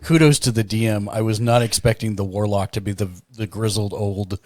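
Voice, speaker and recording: A man's voice: on the low side, fairly even intonation, fairly quick, a little mellow, no room sound. A man playing a tabletop game, mixing casual banter with narration of his character's actions.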